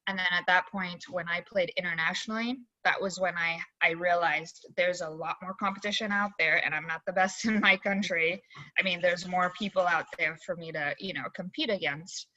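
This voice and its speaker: A bright, clear young woman from Zambia talks in a chatty, rambling way, full of "um" and "like". Her voice sits a little low for a woman. The video-call audio is dull and lo-fi. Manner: chatty, animated storyteller with many "like" and "um". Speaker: assistant college golf coach, interview guest. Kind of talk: casual video-call interview storytelling.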